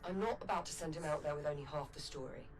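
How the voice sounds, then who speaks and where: Low-voiced, resolute female space captain played by an actress. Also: quick pace, crowd noise, lightly acted. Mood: grave, firm. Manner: direct, firm. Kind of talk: video game voice acting.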